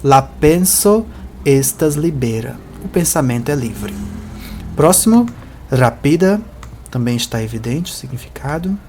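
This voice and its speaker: A man walks through an Esperanto vocabulary lesson. He reads each example word and sentence slowly and carefully, then explains it in a patient, explanatory way. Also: medium pitch, animated, a little mellow, a little hiss or hum. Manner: explanatory, slow careful pronunciation of example words. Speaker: Esperanto teacher. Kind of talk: language lesson, reading example sentences and translating.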